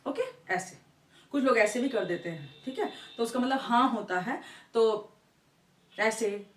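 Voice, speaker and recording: A woman's voice: fairly high pitch, animated, a little slow, recorded from a distance. A woman teacher explaining step by step, mixing English terms into her lecture and checking in often with her class. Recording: echoey room, voice from off-mic.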